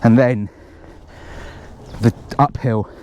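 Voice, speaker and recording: A man's voice: mid-range voice, steady tone, extremely slow, mellow, slight background noise. A man organising a race, chatting casually and out of breath as he runs a forest trail, rambling with jokey asides. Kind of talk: casual running commentary.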